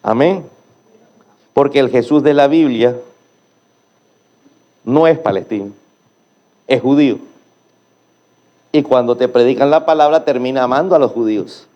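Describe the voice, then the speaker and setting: A male pastor preaching a sermon with emphatic rhetorical questions, swinging between hushed low phrases and loud rising calls. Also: unhurried, long pauses, dull audio.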